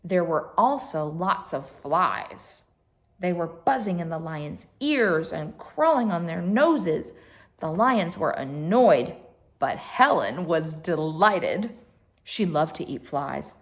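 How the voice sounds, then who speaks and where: A woman storyteller reads a picture book aloud to children, expressive and slow, with chatty asides to her listeners. Her voice is lowish with big pitch swings.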